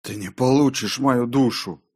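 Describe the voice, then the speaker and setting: A man's voice: fairly low pitch, normal speed, close to an everyday voice. A man voicing a terrified medieval mason who speaks strained, pleading and crying out, in an audiobook. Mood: frightened desperate. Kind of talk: audiobook character voice.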